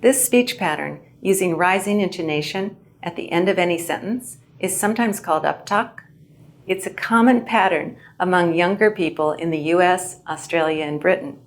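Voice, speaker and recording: A woman instructor giving a clear, measured lesson on how to present well. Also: on the low side. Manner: clear, measured teaching delivery. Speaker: English language instructor. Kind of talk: instructional video narration.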